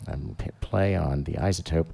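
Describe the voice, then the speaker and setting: A man's voice: very deep voice, moderate pace, creaky, dark tone. A man hosting a live-streamed show, chatting casually and rambling, with lots of fillers and restarts. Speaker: show host.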